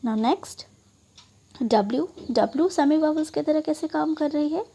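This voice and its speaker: A woman's voice: high-pitched, warm tone. A woman teaching English phonics in Hindi, spelling out letters and modeling each vowel sound with frequent okays. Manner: slow, deliberate delivery with many okays.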